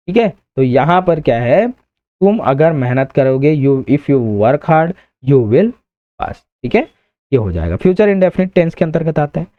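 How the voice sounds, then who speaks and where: A man's voice: a little high, phone-quality sound. A man teaching an exam-prep English grammar lesson, explaining step by step and answering his own questions.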